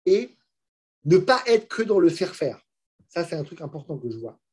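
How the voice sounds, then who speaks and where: Middle-aged French speaker, casual and frank, lightly husky, warm, fairly high-pitched. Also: male voice, big pitch swings, normal speed. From France. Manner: frank, chatty, many restarts and fillers. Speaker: managing director and guest speaker. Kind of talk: casual master class talk to students.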